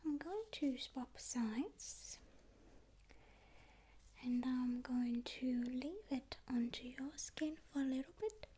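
A woman whispering slowly and softly through an ASMR spa roleplay, with long pauses between her words. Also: high voice, slight background noise.

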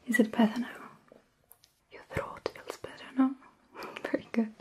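A woman whispering softly and gently in an ASMR roleplay, caring for someone as a nurse-like caregiver. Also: on the high side, flat delivery. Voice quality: breathy whisper. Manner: soft, gentle, slow whispering. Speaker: ASMR performer.

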